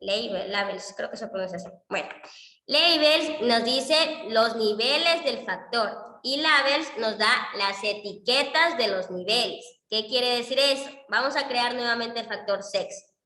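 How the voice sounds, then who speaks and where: The woman teaching R to an online class is an economics instructor whose slightly high voice sounds animated, pushed and bright at a measured pace. Patiently, she checks in with a frequent "¿ya?", and the recording has long reverb from an echoey room.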